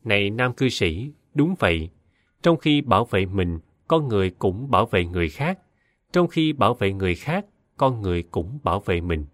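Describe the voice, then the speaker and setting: A man reading as a gentle wise teacher. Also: lowish voice, big pitch swings, moderate pace, dry recording, clean studio sound. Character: wise, compassionate male spiritual teacher.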